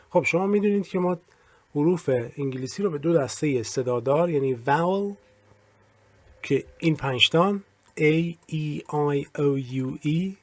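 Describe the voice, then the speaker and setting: A man with a somewhat high voice gives a grammar lesson and explains each rule at a conversational pace. Whenever he reaches an English example, he slows down and says it deliberately. The recording is dry and close, with no room echo. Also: fairly bright tone. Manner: explains in Persian, reads English examples slowly and carefully.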